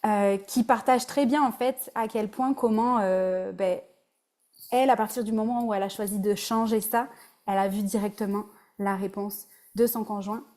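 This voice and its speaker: A woman's voice: medium pitch, fairly even intonation, normal speed, darkish tone. A woman with a Québécois French accent, a relationship coach giving a casual, conversational webinar presentation and dropping in English words.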